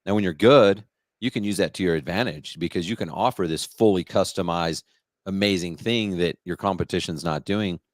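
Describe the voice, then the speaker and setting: A man's voice: deep voice, moderate pace, dry recording, clean studio sound. A middle-aged man with a confident, explanatory manner, talking about his business in a casual interview. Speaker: lighting business coach.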